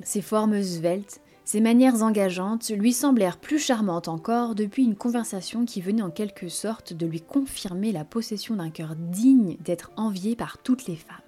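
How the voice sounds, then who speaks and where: A woman narrating a classic French novel in a measured, expressive literary reading. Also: medium pitch. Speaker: audiobook narrator.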